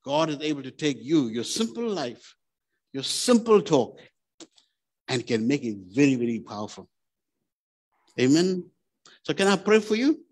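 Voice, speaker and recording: A man's voice: fairly high pitch, sing-song, measured pace, long pauses. Earnest male pastor preaching a sermon. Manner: earnest, plain-spoken preaching with direct questions to the congregation. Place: church.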